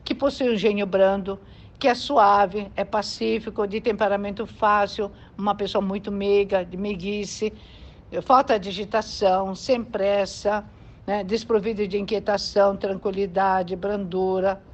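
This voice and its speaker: Her pace is measured and her tone steady, pitched in the middle range, as a Brazilian woman teaches from the pulpit and keeps checking whether listeners agree. The sound is lo-fi and dull, with a faint hum of background noise, and she speaks with a Brazilian Portuguese accent.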